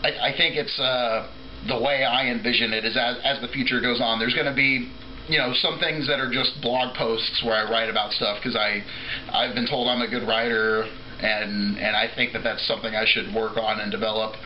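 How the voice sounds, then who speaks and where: A man's voice: medium pitch, level tone, normal speed, highs cut off, a little hiss or hum. A man giving an off-the-cuff, drunken, rambling opinion rant as a video blogger, trailing off, restarting and swearing freely.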